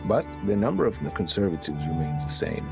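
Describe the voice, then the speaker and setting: An actor playing a male underling who delivers a sober, measured report to his superior in a game, with a gravelly voice. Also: low-pitched, very animated, heavily acted. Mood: calm. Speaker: game character. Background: game music.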